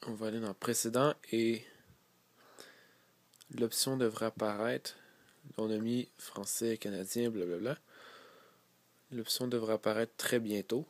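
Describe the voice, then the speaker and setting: A man with a Québécois French accent, calmly walking viewers through a device setup tutorial step by step, with frequent fillers. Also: on the low side, measured pace, long pauses, no echo. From Quebec. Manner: relaxed, many fillers, explains step by step. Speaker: tech tutorial host. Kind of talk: casual screen-recorded tutorial.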